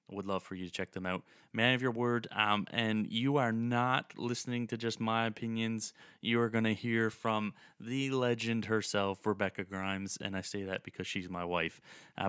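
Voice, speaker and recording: A man with a fairly low, clean and smooth voice hosts a podcast conversationally. He is effusive and complimentary, and the sound is close and dry. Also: fairly bright tone, no room sound. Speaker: podcast host. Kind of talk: casual conversational podcast hosting.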